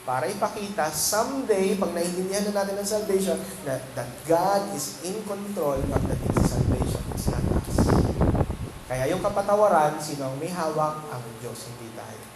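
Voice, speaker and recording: High-voiced Filipino pastor preaching. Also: male voice, animated, moderate pace. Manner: asks the congregation questions, mixes English phrases into Tagalog. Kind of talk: sermon. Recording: echoey room with background noise.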